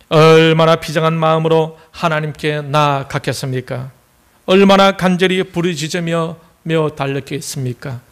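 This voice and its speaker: A man with a Gyeongsang accent preaching a sermon as pastor, folksy and joking as he tells a story. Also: fairly high pitch.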